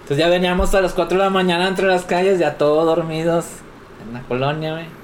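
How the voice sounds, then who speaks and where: A man's voice: on the high side, flat delivery, fast, a little hiss or hum. A man, a podcast co-host recounting old neighborhood nights in easy, slangy casual chat.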